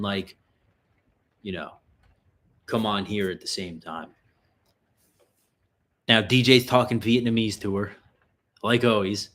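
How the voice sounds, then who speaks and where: With a somewhat low, slightly bright voice, the man runs a casual livestream Q&A in a thick New York-area accent. He meanders, curses, and keeps stumbling into fillers and fresh starts as he answers viewers.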